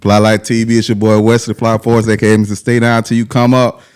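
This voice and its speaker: A man from Glenville, Georgia, hosts a hip-hop show interview in slangy street talk with a Southern US accent, repeating phrases and often saying "man" and "bro." His voice is lowish, flat, fairly quick, a little mellow, and clear with a resonant tone.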